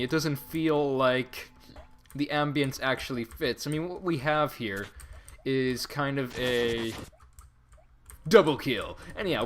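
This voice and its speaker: Wry man, higher voice, over game music. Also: fairly bright tone. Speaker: gameplay commentator. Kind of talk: casual first-look game commentary.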